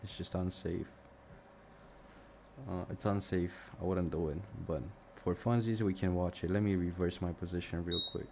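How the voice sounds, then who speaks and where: Speaking very low at a moderate, steady pace, this young Romanian-accented trader gives loose, off-the-cuff commentary on his live stream. He thinks aloud and curses now and then, while a faint hum, music, and mouse clicks sit in the background.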